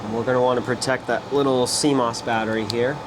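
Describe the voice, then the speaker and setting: Talking fairly quickly in a mid-range voice, a repair technician presenter describes each step of his electronics work as he goes, in a casual tone. Constant fan-like background noise can be heard.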